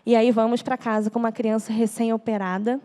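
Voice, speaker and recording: A woman's voice: a little high, flat delivery, brisk, warm tone, clean tone. A young Brazilian woman with a Brazilian Portuguese accent giving an earnest church testimony to a congregation, acting out the words of others as she tells it. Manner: earnest storytelling, acts out quoted speech.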